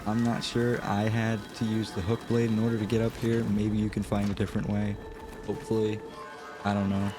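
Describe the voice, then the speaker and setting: A man's voice: lowish voice, little pitch movement, fairly quick, music in the background. Congested nasal man in a game walkthrough. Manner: casual, unsure, hedging asides. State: congested from a cold. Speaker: gaming channel host. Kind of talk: casual game walkthrough voice-over.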